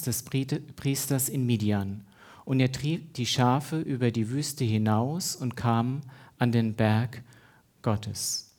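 Ein Mann hält eine Predigt und liest zwischendurch eine Bibelstelle vor, mit kleinen Versprechern. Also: male voice, medium pitch, a little mellow. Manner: unhurried, reads scripture aloud with small slips. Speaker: preacher. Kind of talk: sermon.

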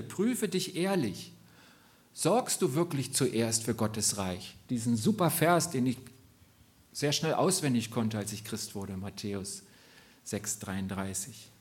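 A man preaching a sermon, earnest and direct, asking his listeners searching questions, rising to emphatic lines and dropping to quiet asides. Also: mid-range voice.

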